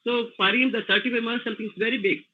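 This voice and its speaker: A man with a Tamil Nadu Indian English accent giving an online lecture as a language trainer, halting and full of fillers and "you know" tags. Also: very high voice, fairly even intonation, slight background noise. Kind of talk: webinar lecture. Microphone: video call. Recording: tinny phone-like call audio.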